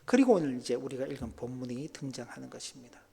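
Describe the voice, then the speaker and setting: A male pastor preaching a sermon, dropping to near-whispers and then rising to loud, exclaiming passages. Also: mid-range voice, lively intonation, fast, creaky, husky.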